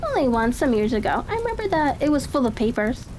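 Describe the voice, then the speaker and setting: Storybook client, genteel young woman, as a reader plays her, helpful and mystified, high voice with faint noise behind. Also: big pitch swings, quick pace, darkish tone. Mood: helpful, surprised. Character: polite, puzzled young Victorian lady, a client.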